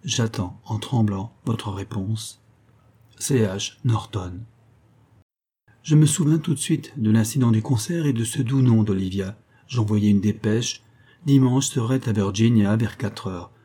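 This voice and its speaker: A man reading a nineteenth-century story aloud as narrator, in a measured storytelling manner. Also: fairly low pitch, mellow, husky. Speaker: audiobook reader. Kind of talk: scripted narration.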